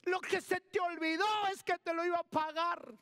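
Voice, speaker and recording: A man preaching a sermon with a strikingly high, piercing voice. He hammers key words by repeating them and calls out instructions to the booth. The sound is close and dry, with almost no room echo. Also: level tone, moderate pace, fairly bright tone. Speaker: pastor. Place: church.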